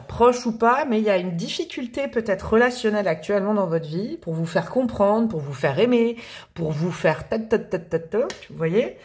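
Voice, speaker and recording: A woman giving a casual, chatty tarot reading, often hesitating and repeating her words. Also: mid-range voice. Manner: chatty, hesitant, repeats words, laughs and hums song lines. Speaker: tarot reader.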